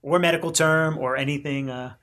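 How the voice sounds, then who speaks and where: A podcast host interviewing guests in a relaxed, jokey manner. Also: medium pitch, brisk, slight background noise.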